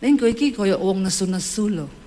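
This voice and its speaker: A calm, soft-spoken Javanese husband gently scolds his wife to talk more slowly, as a woman preacher puts on his voice. She drops her pitch well below her own for him. His tone stays low, patient and mildly reproachful. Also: natural voice. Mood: gently chiding. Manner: slow, soft, low chiding.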